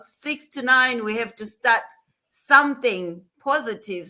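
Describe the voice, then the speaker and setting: A woman's voice: fairly high pitch, bright, forceful tone. A woman hosting a motivational livestream, talking in an earnest, emphatic way and repeating her points. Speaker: livestream host.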